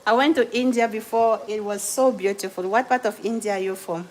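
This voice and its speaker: Cooking live from her kitchen at home, this Cameroonian host chats casually, welcomes viewers by name, and says sorry while juggling tasks. Her mid-range voice is steady and somewhat dark, and she talks briskly over a rough recording with a little background noise.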